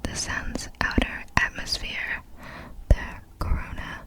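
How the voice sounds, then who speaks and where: Reading facts aloud, a woman keeps to a breathy whisper the whole time, ASMR-style. She goes very slowly, and her gentle, deliberate phrases are set apart by brief pauses.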